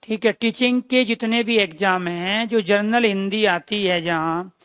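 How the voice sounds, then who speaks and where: High-voiced grammar teacher. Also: male voice, measured pace, fairly bright tone, smooth, no room sound. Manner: repeats key phrases and quizzes listeners with questions; calls listeners dear friends. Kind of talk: online exam-prep lesson.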